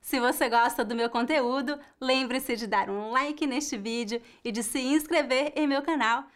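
Brazilian woman, language teacher, slightly high, careful scripted delivery. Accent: Brazilian Portuguese. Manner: slow, clear explanation for learners. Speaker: Portuguese teacher. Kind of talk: scripted lesson.

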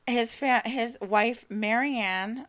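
Woman podcast co-host, slightly high voice, loose casual storytelling, trips over words and laughs it off. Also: takes it slowly, fairly bright tone. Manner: stumbles over names and words, laughs at herself; swears casually.

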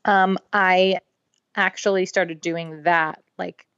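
A woman with a low, gravelly voice co-hosts a casual chat podcast. She talks chattily and fills her sentences with "um" and "like." The recording is dull and dry, with a lo-fi sound. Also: fairly even intonation, slow pace, fairly bright tone, no echo. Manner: chatty, with many "um" and "like" fillers. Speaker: podcast co-host.

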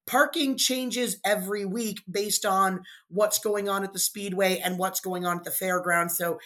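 A woman's voice: mid-range voice, steady tone, measured pace, a bit bright. A woman co-hosting a casual podcast, talking in a wry, sarcastic way. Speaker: podcast co-host. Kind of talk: casual chat.

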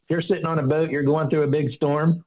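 A man's voice: a little high, flat delivery, fast. Financial advisor guy explaining stuff with analogies, lots of restarts, kinda muffled audio. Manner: earnest and explanatory, fond of analogies, many restarts. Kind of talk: casual interview. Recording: dull, slightly lo-fi audio.

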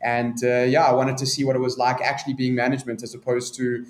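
A man from South Africa with a South African accent, answering interview questions in a measured, businesslike way. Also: medium pitch, little pitch movement, roomy sound. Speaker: guest, business expert.

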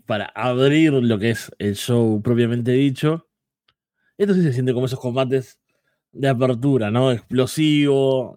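Male co-host, average pitch, casual review chat, close and dry sound. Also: darkish tone, no room sound. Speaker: wrestling podcast co-host.

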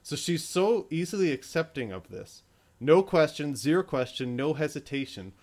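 A man's voice: a little high, animated, moderate pace, a little mellow. A man co-hosting a casual podcast, laughing often and acting out lines from a film. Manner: laughs often, acts out quotes. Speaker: podcast co-host. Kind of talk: casual movie review chat.

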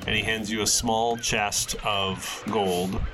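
A man's voice: lowish voice, steady tone, takes it slowly, over music. A man narrating a tabletop game as its game master. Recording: clear background noise.

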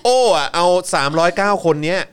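A man with a somewhat high voice and swinging intonation hosts casual comic news talk. He is irreverent, mixing swearing with polite little affirmations. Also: animated, fast talker, a bit bright, smooth. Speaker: host of a live news-comedy show.

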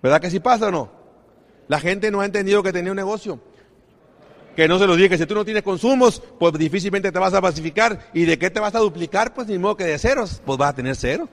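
High-voiced man, motivational talk. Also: quick pace, vocal fry. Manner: emphatic, keeps asking the audience questions. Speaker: business opportunity speaker. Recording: long reverb of a large hall.

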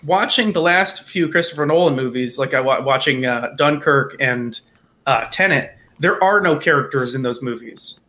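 A man hosting a podcast in casual chat, rambling and animated, swearing freely. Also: mid-range voice, moderate pace. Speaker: podcast host.

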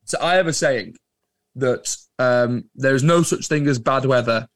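A man's voice: mid-range voice, unhurried, dry recording. Young man chatting emphatically, dry close sound. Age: younger adult. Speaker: podcast co-host. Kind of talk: casual chat.

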